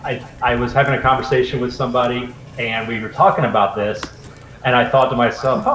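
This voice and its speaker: A man's voice: medium pitch, a bit bright, echoey room, slight background noise, low-quality recording. A man in his forties from North Carolina, a guest telling stories in a casual interview, easygoing with lots of fillers. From Raleigh, North Carolina. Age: 40s. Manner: easygoing storyteller, frequent fillers. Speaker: interview guest, video creator.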